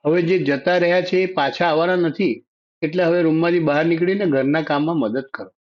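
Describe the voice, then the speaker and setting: A man's voice: a little high, fairly even intonation, a little fast, pitched above the performer's own voice, lightly acted. A man reading a harsh, bossy son. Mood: scolding. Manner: curt, ordering tone. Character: harsh, impatient adult son. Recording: dull lo-fi audio.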